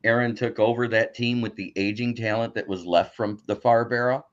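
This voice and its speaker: A man's voice: medium pitch, fairly even intonation, brisk, lo-fi sound. A man who is a guest on a sports podcast, chatting casually and opinionatedly about football. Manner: opinionated, breaks into mocking impressions.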